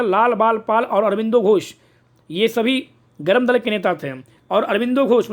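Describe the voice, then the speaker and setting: A man teaching an exam-prep lesson, posing quiz questions and repeating the answers to drill them. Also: sits high.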